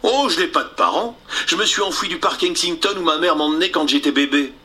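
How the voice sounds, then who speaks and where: A man voicing a cocky, adventurous boy who refuses to grow up, talking in a quick, playful, boastful way. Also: a little high, lively intonation, sharp tone, voice pushed up.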